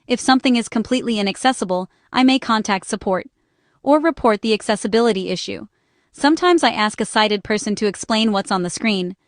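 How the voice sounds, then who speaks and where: A fairly high-pitched woman, recorded dry with clean studio sound, reads a scripted explainer. Her short, instructional phrases come from a narrator and small business owner explaining accessibility.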